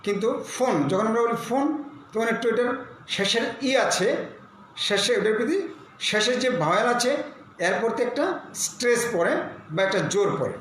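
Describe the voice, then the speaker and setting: Male online English teacher from Bangladesh, high voice, patient step-by-step explaining, recorded in a very echoey room. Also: a bit bright. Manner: explains slowly, spells words letter by letter. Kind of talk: online lesson. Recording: very echoey room with faint hiss.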